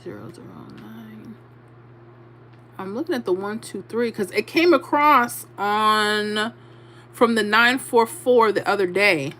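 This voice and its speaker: A woman's voice: medium pitch, unhurried, bright, forceful tone, slight background noise. A middle-aged woman from Louisiana hosting a livestream, chatting casually and laughing as she reads comments. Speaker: livestream host.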